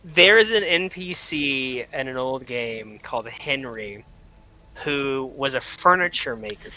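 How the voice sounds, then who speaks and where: A man narrating as game master, relaxed and full of pauses. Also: medium pitch, rough recording. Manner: relaxed, hesitant with many ums.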